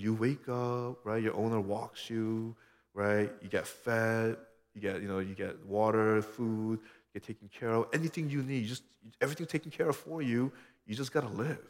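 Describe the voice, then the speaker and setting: Earnest Korea-born man preaching in a hall. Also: on the low side. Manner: earnest, conversational, with restarts, often dropping to a soft hush. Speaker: pastor. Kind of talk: sermon. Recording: long hall reverb.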